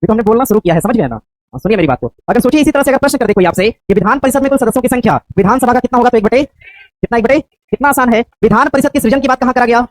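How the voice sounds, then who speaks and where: A woman teacher drills her students for an exam, firing and repeating short questions at a brisk pace. Her voice sits a little high, and the sound is dry and close, with no room echo. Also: expressive. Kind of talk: classroom exam coaching.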